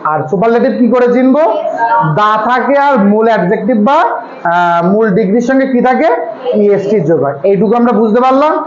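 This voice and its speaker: A man's voice: very high-pitched, fairly quick, a crowd in the background. A man tutoring a class on grammar, asking his students questions and answering them himself. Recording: echoey room, slightly dull sound.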